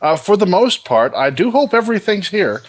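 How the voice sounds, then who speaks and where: Man playing an eager, higher-pitched servant. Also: sing-song, normal speed, dry recording. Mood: deferential. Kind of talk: tabletop role-play.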